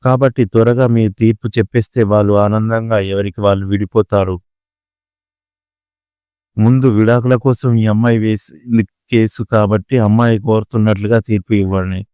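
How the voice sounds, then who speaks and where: A man narrating a family drama story in a steady, measured reading. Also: lowish voice, clean tone, dry recording, studio quality.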